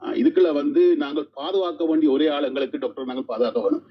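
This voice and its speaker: A man's voice: a little high, fast talker. A man speaking passionately as a guest on a live stream, often restarting words. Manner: impassioned, stumbling restarts. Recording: dull lo-fi live stream audio.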